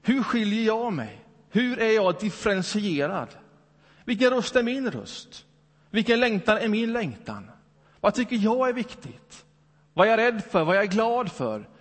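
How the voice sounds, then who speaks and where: In a church hall, a man delivers a Sunday sermon conversationally, full of rhetorical questions. His voice sits high and has a sing-song quality, and the recording carries a long hall reverb.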